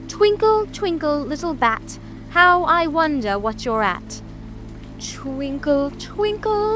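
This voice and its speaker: High-pitched, swooping, eccentric Mad Hatter. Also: female voice, bright, forceful tone, exaggerated voice. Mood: theatrical, singsong. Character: mad Hatter, grumbling, mournful, whimsical tea-party eccentric. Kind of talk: full-cast dramatic audiobook reading.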